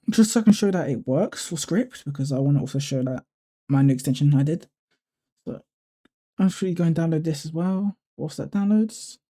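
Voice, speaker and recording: Here a man narrates a laid-back screen-recorded tutorial, showing how he sets up his code editor. He has a deep, dark tone and talks through his thoughts out loud, full of fillers and self-corrections.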